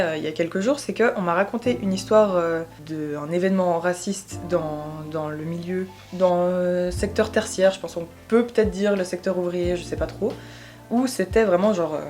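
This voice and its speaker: A woman's voice: fairly low pitch, darkish tone. Hesitant young woman vlogging. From Switzerland. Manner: thoughtful, hesitant, many fillers. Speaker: YouTuber. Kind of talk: casual explainer vlog.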